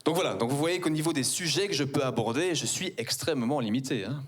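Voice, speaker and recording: This Belgian French-accented comedian, in his forties, keeps up his ironic, mock-posh stand-up set in front of a live theater crowd. He speaks fast in a husky voice of medium pitch.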